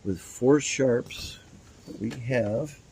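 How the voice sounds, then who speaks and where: A man with a mellow, warm-toned voice walks through a demonstration of his own invention. He talks in a folksy, rambling way, stumbling over fillers and restarts, with a faint hiss of noise behind him. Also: mid-range voice, extremely slow, gravelly, poor audio. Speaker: inventor demonstrating his music teaching tool. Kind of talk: explanatory demo in an interview.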